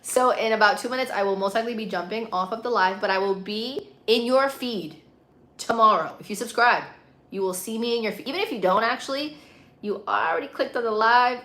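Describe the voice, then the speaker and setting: A woman's voice: mid-range voice, a bit bright. A woman with a Puerto Rican accent hosting a casual live stream, chatting with viewers in an informal, slangy, playful way. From Puerto Rico. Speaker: livestream host.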